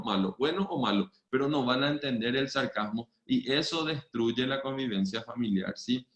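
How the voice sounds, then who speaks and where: Capacitador paraguayo, voz media, serio y cercano, sala con eco. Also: male voice, medium pitch, fairly bright tone, reverberant. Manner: earnest, checks in with listeners often. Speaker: trainer giving a seminar. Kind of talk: online training talk. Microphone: video call.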